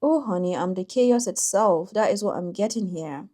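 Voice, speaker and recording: A woman doing a tarot reading for viewers, talking in a thoughtful, intuitive way with frequent pauses and restarts. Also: medium pitch, mellow. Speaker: tarot reader.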